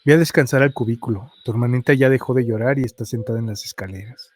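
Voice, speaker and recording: A man's voice: medium pitch, quick pace, slight background noise, lightly acted. A man reading as a serious station supervisor. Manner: serious, steady. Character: calm, serious woman station supervisor who sees ghosts.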